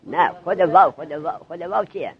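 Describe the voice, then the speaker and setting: A man teaching a classroom grammar lesson to seminary students, drilling them with quick questions. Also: on the high side, slightly rough, dull audio.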